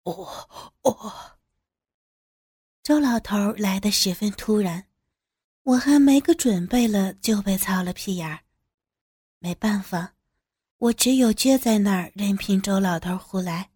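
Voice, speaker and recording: A woman narrating a story in the first person, with unhurried, plain storytelling. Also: mid-range voice, a little mellow, breathy edge, dry recording, clean studio sound.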